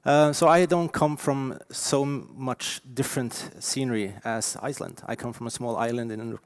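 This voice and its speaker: A man in his forties from Norway with a Norwegian accent, giving a lively, emphatic conference keynote with frequent fillers. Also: mid-range voice, normal speed, smooth, dry recording, studio quality. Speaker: keynote speaker. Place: conference stage.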